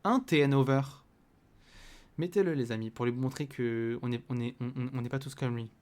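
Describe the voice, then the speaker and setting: A man streaming himself playing a video game, excitable and swinging from loud exclamations to muttering. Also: mid-range voice, normal speed. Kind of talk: live gameplay commentary.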